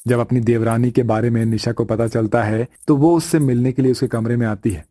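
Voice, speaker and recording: A man telling a cartoon story in steady scripted narration. His voice is mellow and dark, at an ordinary pitch, recorded dry and close. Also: a little fast, dry recording.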